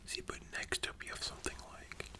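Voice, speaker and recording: A voice in a soft library whisper, giving an explanatory lesson as an ASMR whispered role-play. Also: a little fast. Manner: explanatory, checking the listener understands. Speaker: ASMR content creator.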